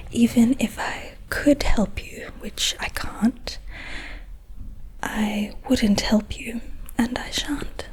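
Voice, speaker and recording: A proud, playful storybook leprechaun, acted out by a woman in a whispered role-play. The voice is hushed and very slow, lingering over repeated words with haughty, quaint phrasing. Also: fairly high pitch, rough recording. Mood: haughty, refusing. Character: proud, mischievous leprechaun collector of trinkets and treasures.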